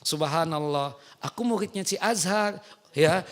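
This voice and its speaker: High-voiced man preaching playfully. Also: a little slow. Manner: lively, teasing, asks the audience questions. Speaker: Islamic preacher. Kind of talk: sermon to women. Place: mosque.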